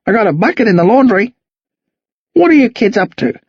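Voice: mid-range voice, sing-song, fairly quick, slightly rough, no room sound, highs cut off, pitched above the performer's own voice. A reader voicing a friendly, chatty older country man with a broad, slangy drawl. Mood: easygoing.

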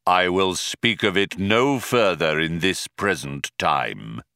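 Guy doing a big grave know-it-all computer from an audiobook, super slow and portentous, dry sound. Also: low voice, bright, forceful tone, smooth, no room sound, full character voice. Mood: solemn, deliberate. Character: ponderous, lofty male supercomputer.

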